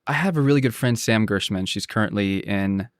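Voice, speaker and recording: A man's voice: fairly low pitch, a little fast, no room sound, studio quality. A man in his late twenties, an actor guest on a podcast, telling stories in a rambling, self-deprecating way. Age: late 20s. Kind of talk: casual podcast chat.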